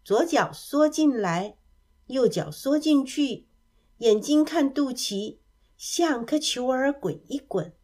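A woman's voice: sits high, sing-song, normal speed, a little mellow. A woman voicing a shy, tearful little girl who is a cloud, speaking timidly and sniffling. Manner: sniffly, timid, small-voiced.

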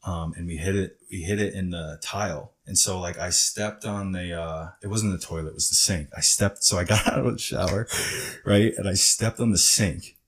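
A young man with a very low, husky voice spins a rambling story. He leans on "like" and swears freely in loose, casual talk. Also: steady tone, normal speed, a bit bright. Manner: rambling, heavy use of "like" and profanity. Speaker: guest in recovery.

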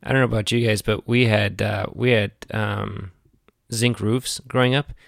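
A man hosting an interview, asking gentle, halting questions with plenty of fillers. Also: fairly low pitch, steady tone, vocal fry, no room sound, studio quality. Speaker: interviewer host. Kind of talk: podcast interview.

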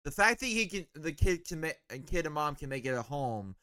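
A man's voice: fairly high pitch, sing-song, fairly quick, bright, forceful tone, smooth, no room sound, studio quality. A man co-hosting a fan podcast in casual chat, rambling with lots of fillers. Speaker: podcast co-host.

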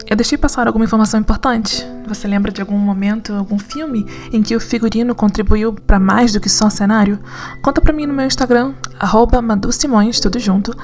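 A woman narrating a scripted essay in an analytical, conversational way with lively asides. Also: fairly high pitch. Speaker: narrator and writer.

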